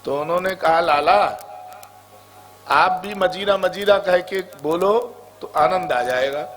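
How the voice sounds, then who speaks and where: With music playing in the background and a little hiss or hum, a man from Braj preaches in a high-pitched, slightly bright voice at a slow pace. This kathavachak, with a Braj Hindi accent, tells stories, chants repeated words, and sings verses in a devotional sermon.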